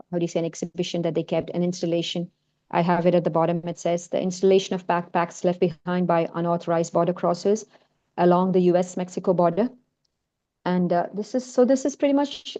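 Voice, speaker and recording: A Malayalam-speaking woman with a blend of Indian and American accents presents her film work during an informal online session. Her voice is fairly low and warm, and her talk is hesitant, full of fillers and restarts, while the audio has its high frequencies cut off.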